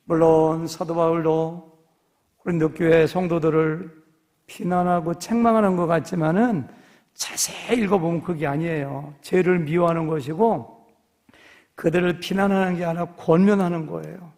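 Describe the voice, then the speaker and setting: Animated high-pitched Korean pastor preaching. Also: male voice, moderate pace, in a large hall. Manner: animated storytelling, acting out dialogue in different voices. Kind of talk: sermon. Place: church sanctuary.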